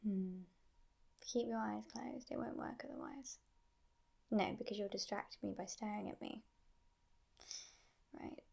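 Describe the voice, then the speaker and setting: A woman playing a teasing but gentle devil in an ASMR role-play, in a breathy, hushed voice with musing pauses. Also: medium pitch, steady tone. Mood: coaxing, soothing. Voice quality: breathy, husky soft voice.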